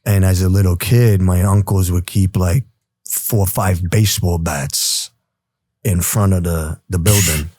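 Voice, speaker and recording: Speaking at a measured pace in a low voice, this guest, a New Yorker in his forties, shares tales from his earlier life with a thick city accent. His manner is lively and street-smart, peppered with "bro" and "you know," with no room sound.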